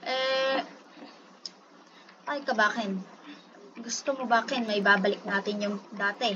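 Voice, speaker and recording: Woman, high-pitched, playful gaming commentary; dull lo-fi recording, audible background noise. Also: fairly even intonation, unhurried. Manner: playful, pleading and defensive, repeats herself. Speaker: gaming YouTuber. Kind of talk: casual gameplay commentary.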